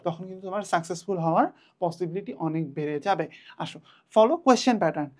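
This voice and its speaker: Fast-talking young male tutor. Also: high-pitched, darkish tone. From Bangladesh. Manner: chatty, addresses students directly, repeats points. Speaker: exam tutor. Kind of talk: online revision lesson.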